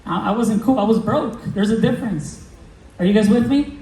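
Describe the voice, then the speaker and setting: Man, motivational speaker, energetic, slangy, quizzes the crowd, roomy hall, picked up from a distance, faint noise. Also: high-pitched, moderate pace. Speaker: business coach speaking at a recruiting meeting. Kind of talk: motivational stage talk. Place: event hall with a live audience.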